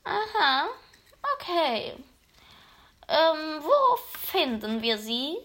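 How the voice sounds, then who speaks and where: Woman doing a jumpy stammering crow guy, high bright voice swinging all over. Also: heavily acted. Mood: hasty. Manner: stammering, hurried, excitable. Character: brash, flustered male crow, bird-like trickster.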